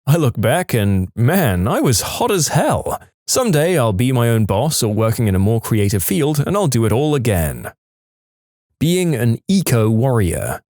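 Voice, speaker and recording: A man's voice: medium pitch, darkish tone, no echo, clean studio sound. A man reading Reddit stories aloud in an upbeat, playful storytelling manner. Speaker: narrator.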